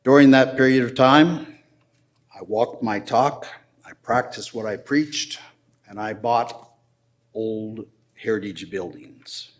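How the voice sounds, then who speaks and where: An older man addressing a city council, presenting his case formally with slow, deliberate emphasis. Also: medium pitch.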